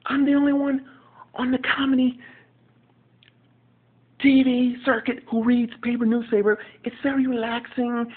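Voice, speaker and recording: A man putting on a shrill, nagging lawyer. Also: level tone, moderate pace, pauses often. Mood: exasperated. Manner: high-pitched, loud, scolding and nagging. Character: fussy exasperated male lawyer, easily annoyed. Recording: tinny phone-like recording.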